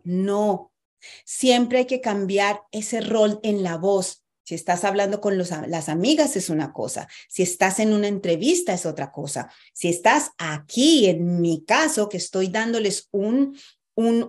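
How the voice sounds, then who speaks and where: A woman's voice: medium pitch, a little mellow. A woman coaching writers on body language in an online masterclass, speaking emphatically and addressing her listeners directly.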